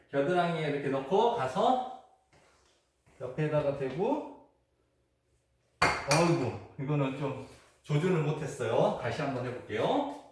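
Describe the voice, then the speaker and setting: A man casually explaining and acting out the steps of a traditional game, with frequent exclamations as he moves. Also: a little high. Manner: chatty step-by-step instructions, frequent exclamations while moving. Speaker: host demonstrating a traditional Korean game. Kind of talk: unedited casual demonstration. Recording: echoey, distant camera audio with faint noise.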